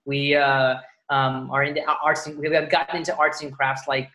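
A man's voice: medium pitch, level tone, normal speed, pushed and bright. A man in his thirties from Dallas, Texas, guesting on a podcast in casual, rambling chat. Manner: rambling, many restarts and fillers.

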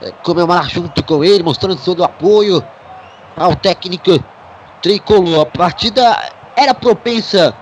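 A man's voice: high voice, moderate pace, a little hiss or hum. A Brazilian man giving live play-by-play football commentary for a web radio broadcast.

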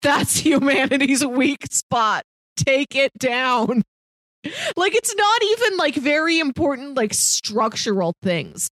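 This woman's voice is high, very animated, slow and fairly bright, captured with no room sound. As a podcast co-host she chats casually about films in a playful, wry way, chuckling often while speaking.

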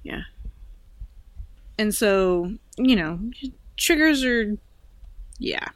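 A woman's voice: mid-range voice, expressive, drawn-out words, no echo. A woman co-hosting a podcast, talking in a thoughtful, rambling casual way with many fillers. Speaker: podcast co-host. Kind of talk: casual chat.

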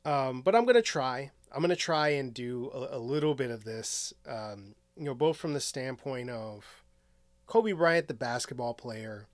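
A man in his late twenties from near Chicago, speaking in a halting, reflective monologue and filling nearly every phrase with "you know". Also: mid-range voice, expressive, no echo. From Northwest Indiana, near Chicago. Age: 20s.

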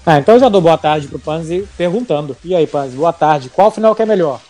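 A man's voice: a little high, animated, brisk, mellow, faint music behind. A Brazilian man hosting a podcast in a conversational sports-discussion style. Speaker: podcast host.

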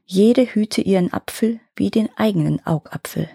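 A woman voicing a gentle fairy mother bidding her daughters farewell, tender and mournful in a storybook tale. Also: medium pitch, moderate pace, gravelly, slightly rough, no echo, clean studio sound.

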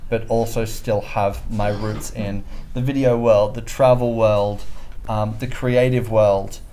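A man's voice: on the low side, steady tone, slow pace, dark tone, slight background noise. A young Australian man with a lisp, a podcast guest talking casually and hesitantly with lots of ums. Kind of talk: casual interview chat.

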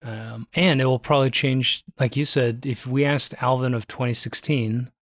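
A man's voice: mid-range voice, steady tone, moderate pace, no room sound. Reflective man in dry casual chat. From Canada. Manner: reflective, rambling, swears casually. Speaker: podcast co-host. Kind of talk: casual conversation.

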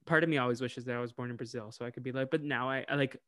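Racing along in a mid-range voice, this American man co-hosts a podcast, chatting casually through an episode recap and animatedly performing the characters' lines. There's no echo, and the sound is clean studio quality.

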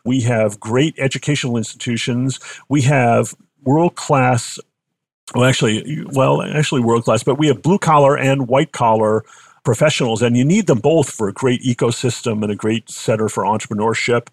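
A man's voice: medium pitch, normal speed, dry recording. An older man with a Boston accent tells stories in an interview in a conversational, discursive way, repeating phrases for emphasis. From Boston, United States. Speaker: company founder being interviewed.

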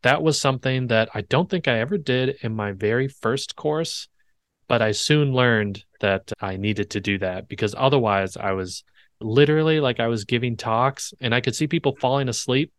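A man's voice: medium pitch, normal speed, dry recording. A man hosting a podcast, talking things through in a thoughtful, rambling way with frequent restarts. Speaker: podcast host. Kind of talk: casual interview chat.

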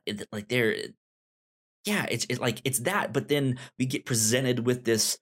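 Co-hosting a casual book podcast, a man reviews manga while thinking aloud and often repeating words. He speaks at a measured pace in a medium-pitched voice that's a bit bright and slightly rough.

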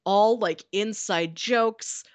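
A woman's voice: medium pitch, slow. A young adult woman co-hosting a podcast, telling a long story in casual chat and filling it with "like". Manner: chatty storytelling with frequent "like". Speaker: podcast co-host.

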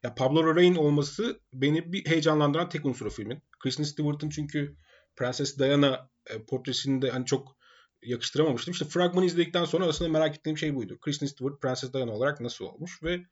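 Fast-talking man co-hosting a film podcast. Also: on the high side, dull audio. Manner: opinionated, rapid, teasing. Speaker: podcast co-host. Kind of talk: casual film chat.

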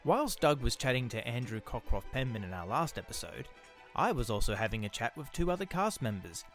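Male podcast presenter, scripted narration, mid-range voice with lively intonation, music underneath. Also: medium pitch, a little fast. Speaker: podcast host.

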